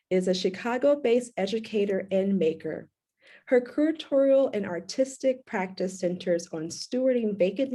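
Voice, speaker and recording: A woman host reading formal guest introductions and then moderating an arts panel over a video call, in a clear, measured way. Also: medium pitch, dark tone. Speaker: co-curator and host.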